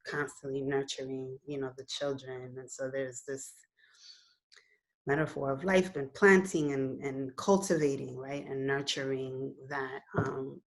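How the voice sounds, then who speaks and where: A woman in her thirties, from Puerto Rico and raised in New York City, reflects thoughtfully on her film in a casual interview, speaking on a video call from her living room through a laptop webcam. Her very deep voice stays level in pitch and unhurried, with many "you know"s and "um"s, and she gestures with her hands. The recording is rough.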